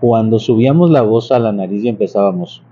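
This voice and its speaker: With a lowish, dark-toned voice and a brisk delivery, a church singing teacher runs an informal vocal lesson. He explains patiently, restarts many times, and sings examples to demonstrate, while the recording sounds dull and slightly lo-fi with faint noise.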